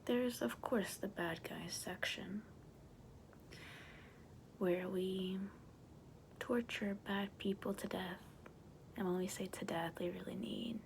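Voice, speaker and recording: Casting: female performer for sly demonic she-devil, whispered role-play, coaxing breathy whisper, unhurried, gravelly fry, rumbly background noise. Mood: dark, matter-of-fact. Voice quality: breathy whisper with creaky edges. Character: sly, persuasive demonic she-devil offering soul contracts.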